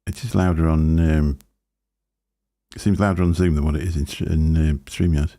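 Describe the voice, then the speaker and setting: A man with a deep, booming voice hosts a casual live stream, rambling from topic to topic into a desk microphone that runs through a mixer. His tone is steady and mellow, his pace moderate, and he stays chatty, chuckling to himself as he goes.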